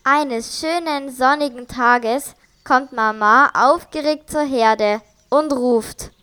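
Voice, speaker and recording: A woman narrating a children's story in a gentle, even way. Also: sits high, slow pace, clean tone.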